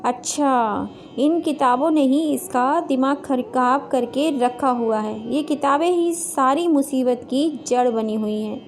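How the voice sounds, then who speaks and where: Woman doing a sharp-tongued scolding mother-in-law. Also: high-pitched, takes it slowly, hardly any pauses, soft background music. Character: harsh scolding middle-aged mother-in-law.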